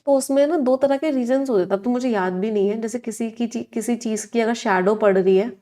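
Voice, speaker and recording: A woman's voice: a little high, a little fast, mellow. A woman teaching English vocabulary in an online exam-prep lesson, explaining words in Hindi mixed with English and asking her students questions.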